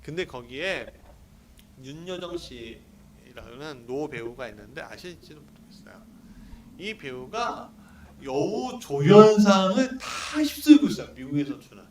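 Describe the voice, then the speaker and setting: A male pastor preaching a sermon, animated and full of rhetorical questions to his congregation. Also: on the high side, unhurried, slight background noise. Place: church hall at a prayer meeting. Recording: echoey church hall, mic at a distance, congregation audible.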